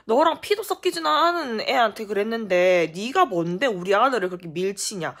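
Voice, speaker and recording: A woman voicing an angry middle-aged neighbor mother who yells and scolds. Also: medium pitch, expressive, brisk. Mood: furious scolding. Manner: yelling, scolding.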